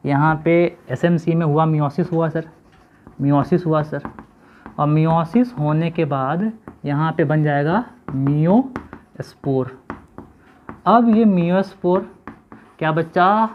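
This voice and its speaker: A man teaching biology to students, asking questions and repeating key terms slowly for them to remember. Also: fairly high pitch, slight background noise. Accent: Hindi-English code-switching. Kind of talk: classroom lecture. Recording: tinny phone-like lo-fi audio.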